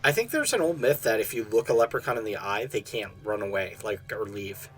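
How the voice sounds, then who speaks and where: A man's voice: lowish voice, fairly quick, music in the background, rough recording. Dry, matter-of-fact man chatting about a movie. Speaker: movie reaction co-host. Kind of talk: casual chat while watching a film.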